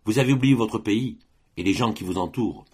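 Male reader playing a resolute young sister, soft and husky, pitched a bit high. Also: brisk. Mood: firm gentle. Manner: gentle but firm. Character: young woman, grave and fiercely determined sister.

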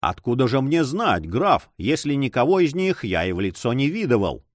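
A man's voice: mid-range voice, very animated, normal speed, dry recording, natural voice. An eager, proud landowner who bursts out in exclamations, his voice swinging up and down. A man voices him in an audiobook. The recording is dry and close. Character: excitable older Spanish landowner, proud.

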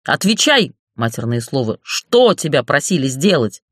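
Speaking at medium pitch in a sing-song manner and a moderate pace, the narrator's voice is a bit bright. He's voicing an audiobook character: a middle-aged male boss who is crude, foul-mouthed and angrily bullying, full of swearing and mockery. It's a studio-quality recording with no echo.

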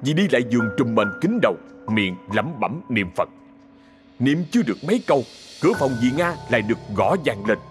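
A man's voice: medium pitch, big pitch swings, fairly quick, music in the background. A man narrating a ghost story with dramatic storytelling.

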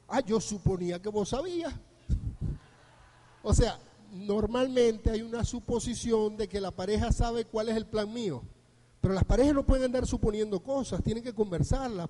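Male couples therapist, high but mellow voice, jokey conference speaker, hall reverb. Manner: humorous, anecdotal, acts out dialogues. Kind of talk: live conference talk.

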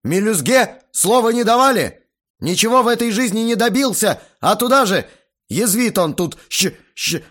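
A man voicing a red-faced, indignant fat middle-aged uncle who shouts and sputters, in an audiobook. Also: high-pitched, animated, moderate pace, voice pushed up. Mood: indignant shouting.

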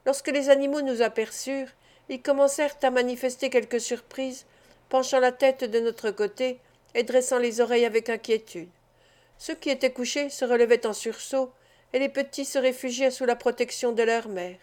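A woman's voice: on the high side, fairly even intonation, moderate pace, darkish tone, lightly acted. A woman reading the part of a bold teenage boy recounting a hunt in an audiobook. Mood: proud. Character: bold teenage boy, eldest son, keen hunter.

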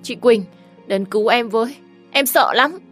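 A woman's voice: measured pace, fairly bright tone, soft background music. A woman playing a sobbing, terrified teenage girl. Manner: crying, pleading, high and strained. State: crying.

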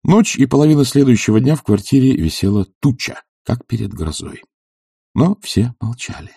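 A man narrating an audiobook in an expressive, dramatic manner. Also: medium pitch, moderate pace, vocal fry, slightly rough, no echo, studio quality.

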